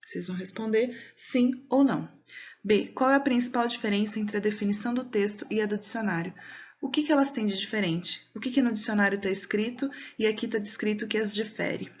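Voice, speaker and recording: A woman's voice: medium pitch, brisk, muffled recording. A woman with a Brazilian Portuguese accent, teaching a recorded video lesson from home and patiently explaining each step to children. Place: home during quarantine.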